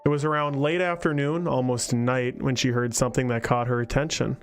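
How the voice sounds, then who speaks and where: A man's voice: mid-range voice, fairly even intonation, brisk, faint music behind. Tipsy man reading fan fiction aloud. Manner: crude, mock-dramatic, swearing.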